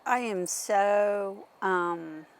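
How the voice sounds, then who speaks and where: A woman church member speaking earnestly in a halting way, with frequent fillers, as an interview guest. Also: medium pitch. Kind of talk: casual interview chat.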